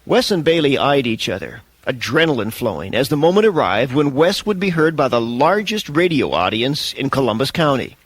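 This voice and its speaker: A male narrator reads an audiobook with a measured, expressive delivery. His mid-range voice rises and falls with plenty of movement. The sound is close and dry, with no room tone. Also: mid-range voice, dry recording, low-quality recording.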